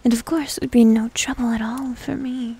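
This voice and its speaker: Recorded on a close microphone, a woman plays a needy, teasing young succubus in an ASMR roleplay. Her voice is soft, breathy, often whispered, slightly high and level in tone, and she sounds smug and coaxing, speaking slowly and coyly.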